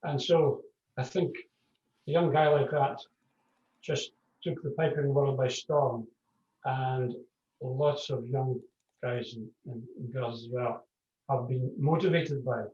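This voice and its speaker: A Scottish man answers an interviewer's questions, relaxed and explanatory, often repeating words as he thinks. He sounds set back from the mic on a dull, lo-fi line. Echo from the room hangs on his voice. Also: medium pitch, slow pace, long pauses. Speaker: piper. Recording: distant, dull, echoey call audio.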